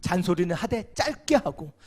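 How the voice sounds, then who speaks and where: High-voiced man preaching with call-and-response. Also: very animated, moderate pace. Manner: call-and-response questions to the congregation; playful, shifts between loud emphasis and hushed asides. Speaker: senior pastor. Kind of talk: sermon at a marriage seminar. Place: church sanctuary.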